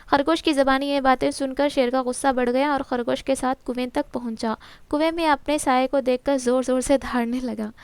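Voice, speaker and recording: A woman's voice: high voice, fairly even intonation, clear, resonant tone, no echo. A woman teacher walks through a textbook lesson, asking and answering her own questions and mixing in English terms. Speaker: exam-prep teacher.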